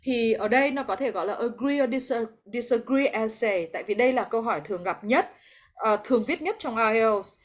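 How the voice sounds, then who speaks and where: An English teacher, a woman with a Vietnamese accent, holds an online lesson over video call, giving patient explanations and encouragement to her students. Her voice runs somewhat high and she speaks fairly quickly.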